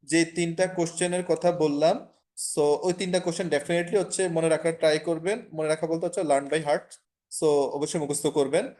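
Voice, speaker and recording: A man's voice: a little high, darkish tone. Man, from Bangladesh, online French teacher, video call, Bengali mixed with English and French, filler-heavy explaining. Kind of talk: online class lecture.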